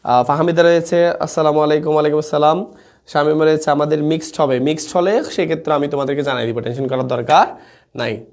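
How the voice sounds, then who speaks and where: A man's voice: fairly high pitch, fairly even intonation, fast, a little mellow. A young man teaching a live online exam-prep class in an informal, chatty way, reading out student comments and checking in with the students often.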